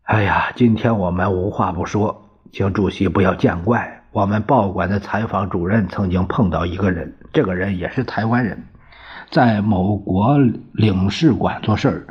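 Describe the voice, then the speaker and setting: A man's voice: sits low, moderate pace, breathy edge. A man voicing an indignant, exasperated male newspaperman, on a dull lo-fi recording.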